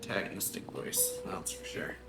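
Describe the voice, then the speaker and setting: A woman doing casual let's play commentary, muttering quietly and offhandedly. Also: normal speed, roomy sound. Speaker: gamer, let's play host. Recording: loud game music over quiet voice.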